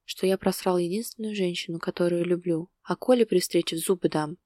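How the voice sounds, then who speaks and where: Recorded dry and at studio quality, a woman with a natural, mellow, rather low voice reads briskly and with fairly even intonation. She performs a storybook's restrained but emotional lover, a distraught grown man whose tender words come out tense, urgent, and through clenched teeth.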